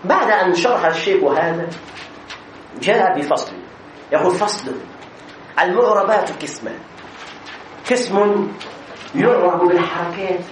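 A man's voice: high voice, normal speed, long pauses, reverberant, a little hiss or hum, low-quality recording. A man teaching a classroom grammar lesson, explaining step by step and often checking that the students understand.

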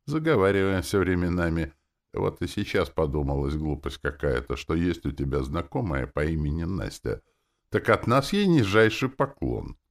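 A man's voice: on the low side, lively intonation, moderate pace, hardly any pauses, voice pushed up, close to an everyday voice. A man voicing a grumbling middle-aged cart driver from the outskirts. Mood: fawning. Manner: grumbling, later fawning.

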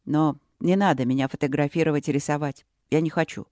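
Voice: mid-range voice, steady tone, fairly quick, a little mellow, no room sound, clean studio sound, lightly acted. A reader voicing an arrogant, curt young novice in an audiobook, speaking with scorn. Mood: cool. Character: haughty, curt young novice monk, man. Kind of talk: audiobook character voice.

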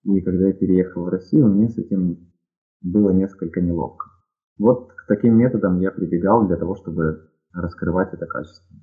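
On a live radio broadcast, a Ukrainian man takes listener questions in a very low voice that comes through a narrow, phone-like line via headset audio. His delivery is measured, with frequent pauses and fillers.

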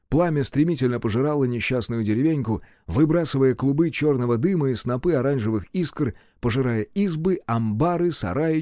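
A man narrating dark fantasy from a script in a measured, expressive storytelling voice. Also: medium pitch, dry recording, clean studio sound. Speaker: audiobook narrator.

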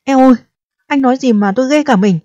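A woman's voice: fast talker, warm tone, dry recording, lightly acted. A woman voicing a distressed, proud eighteen-year-old pregnant girl who pleads and reproaches in a storybook reading. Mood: pleading reproach. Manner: pleading and reproachful, turning shrill when upset. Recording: dull, dry audio.

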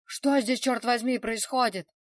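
A woman's voice: a little high, a little slow, dry recording. A woman voicing a brash, foul-mouthed male surgeon who barks orders, in an audiobook reading. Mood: shocked anger. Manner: barking orders.

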